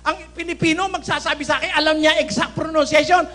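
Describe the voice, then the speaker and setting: High, bright-voiced Filipino preacher man. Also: steady tone, fast. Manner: forceful, indignant, rhetorical questions. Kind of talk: Taglish sermon with Bible readings.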